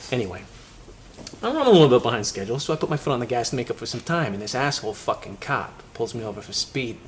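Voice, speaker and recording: A man's voice: mid-range voice, rapid-fire, close to an everyday voice. A foul-mouthed schemer, played by a man, spins a crude tale with a voice that swoops up and down. He swears freely and drives the story hard in this indie film scene, over a faint hiss. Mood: griping. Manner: profane, animated storyteller.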